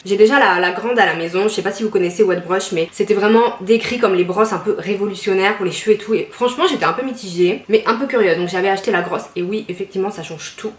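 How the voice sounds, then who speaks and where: A woman's voice: mid-range voice, reverberant. A young woman chatting enthusiastically through a shopping haul, showing her purchases to viewers. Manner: chatty, enthusiastic, rambling with fillers. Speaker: fashion and lifestyle YouTuber. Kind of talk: casual shopping haul vlog.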